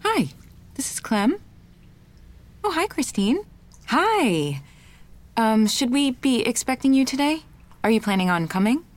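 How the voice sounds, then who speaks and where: A woman's voice: fairly high pitch, sing-song, measured pace, long pauses. A woman playing an anxious wife hoping to adopt, who keeps apologizing and talks herself through things in an audio drama. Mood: flustered. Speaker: wife preparing for an adoption home visit.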